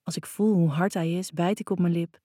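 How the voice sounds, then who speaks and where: A woman narrating a first-person romance audiobook in an intimate, even storytelling manner. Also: fairly low pitch, fairly quick, no echo, studio quality.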